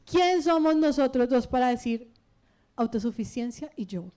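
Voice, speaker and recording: Lively Colombian woman pastor preaching. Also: fairly high pitch, moderate pace. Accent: Colombian Spanish. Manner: animated, asks the congregation questions. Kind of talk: lively sermon.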